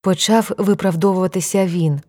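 A woman narrating an audiobook in a calm, even reading voice. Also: lowish voice, moderate pace. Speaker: audiobook reader.

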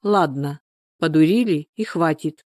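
Woman voicing a blunt gruff village husband. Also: low voice, unhurried, a little mellow, dry recording, clean studio sound. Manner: blunt, laying down terms.

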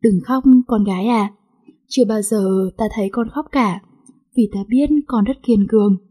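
A woman voicing a frail, dying old father who speaks slowly and tenderly to his daughter. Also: mid-range voice, mellow, husky, close to an everyday voice.

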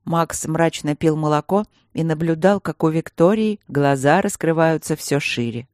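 An audiobook narrator reading a fantasy novel in a steady, even way. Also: mid-range voice, moderate pace, no echo, studio quality. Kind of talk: scripted narration.

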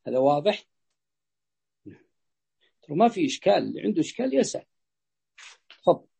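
Gravelly sheikh teaching. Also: male voice, sits high, sing-song, mellow. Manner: explains slowly, repeats phrases, checks understanding. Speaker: sheikh teaching Islamic jurisprudence. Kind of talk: explaining a fiqh text to students.

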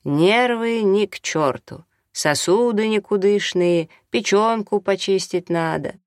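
A man's voice: sits high, slow pace, no room sound, clean studio sound, pitched above the performer's own voice. A man doing a brash, bossy drinking doctor. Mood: offhand. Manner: jokey, bossy, offhand. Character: brash, hard-drinking male doctor, middle-aged. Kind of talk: audiobook character reading.

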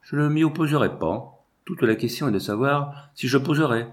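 A man's voice: mid-range voice, normal speed, voice pushed up, close to an everyday voice. A man reading the lines of a haughty, proud young woman in a storybook, with a dry, curt, ironic delivery.

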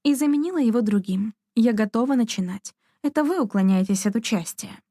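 A woman reading the lines of a spirited young woman in a novel, firm and sharply teasing, in a mellow, dry voice. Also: fairly high pitch, expressive, a little fast, dry recording. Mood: defiant. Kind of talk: audiobook character reading.

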